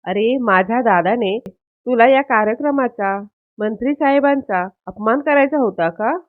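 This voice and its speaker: A woman reads out a sly young man with mock-pious, theatrical exclamations. His lines come across fairly high, thin and phone-like, with a dry sound. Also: moderate pace, no echo, close to an everyday voice. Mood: mock-shocked. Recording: tinny phone-like audio.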